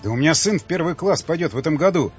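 A man voicing a hysterical male officer who shouts in panic. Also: lively intonation, racing, natural voice. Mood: panicked. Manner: shrill, yelling. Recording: slightly dull audiobook audio, faint music.

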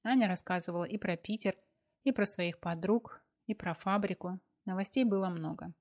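Female audiobook narrator, expressive, lively telling. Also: mid-range voice, moderate pace.

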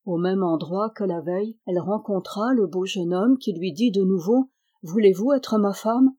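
Woman narrator for a storybook reading, calm and measured, warm mellow voice. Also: medium pitch.

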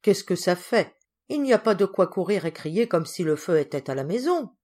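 A woman voicing an irritable, meddling older spinster cousin who talks in a sharp, indignant way in a storybook reading. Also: fairly low pitch, very animated, moderate pace. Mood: scolding.

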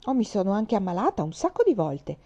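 A woman's voice: mid-range voice, big pitch swings, fairly quick, mellow. A woman voicing a tough, boastful orphan girl of about twelve who talks in a brash, defiant way. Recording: slightly dull lo-fi recording.

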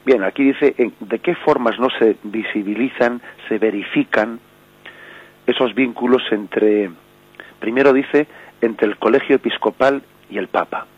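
A Spanish bishop explaining the catechism on a radio program, with many fillers and rhetorical questions, speaking in a Spanish accent. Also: male voice, mid-range voice, unhurried, slightly rough, highs cut off. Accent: Spanish from Spain.

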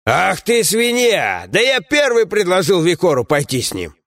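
A man voicing a fat bearded cave-dweller, loud, boisterous and quarrelsome. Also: high-pitched, huge pitch swings, normal speed, voice pushed up, exaggerated voice. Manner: loud mocking squabbling.

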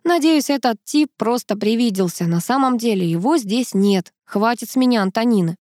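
A woman reading a novel aloud in first person with steady scripted narration. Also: on the high side, moderate pace, dry recording, studio quality. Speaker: audiobook narrator.

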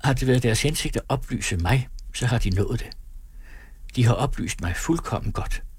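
A man's voice: medium pitch, expressive, slightly rough, no room sound. A man voicing a proud but hurt young woman in a storybook, speaking in a trembling, pleading way. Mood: coolly proud.

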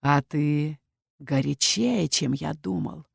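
A woman reading the lines of a possessive young dragon-shifter man in a hushed, insistent, heated tone, in an audiobook. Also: sits low, slow, creaky, slightly rough, no room sound, studio quality, full character voice. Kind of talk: audiobook character voice.

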